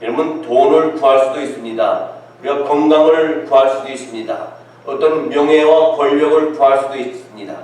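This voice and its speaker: A man's voice: medium pitch, normal speed, darkish tone. A man preaching a sermon as pastor and putting questions to his congregation. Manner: asks the congregation rhetorical questions. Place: church sanctuary. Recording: echoey church hall from far off.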